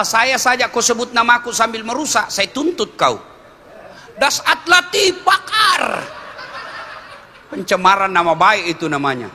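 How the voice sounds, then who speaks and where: Guy preaching a funny sermon, really bright forceful voice, bit high, long hall echo. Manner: animated, swings from low asides to loud exclamations. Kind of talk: humorous sermon. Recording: reverberant hall.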